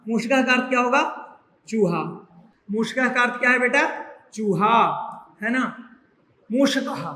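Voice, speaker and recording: High bright male teacher drilling words. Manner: repeats words slowly, drilling with questions. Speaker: Sanskrit teacher. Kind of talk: classroom lesson. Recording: echoey room.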